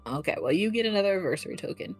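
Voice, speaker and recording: A woman narrating a tabletop game as game master, in a casual, quick way with fillers. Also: mid-range voice, expressive, faint music behind.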